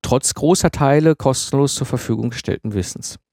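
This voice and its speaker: A man's voice: mid-range voice, fairly quick, vocal fry, darkish tone, dry recording. Hesitant man with a dry sound. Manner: hesitant, many fillers and restarts; thinks aloud, addresses listener directly. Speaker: podcast host answering listener questions. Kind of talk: casual spoken advice.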